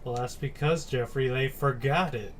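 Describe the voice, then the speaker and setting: A man's voice: medium pitch, moderate pace, slight background noise. A man watching a friend play a video game, chiming in with dry, teasing remarks. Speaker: co-commentator. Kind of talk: casual gameplay commentary.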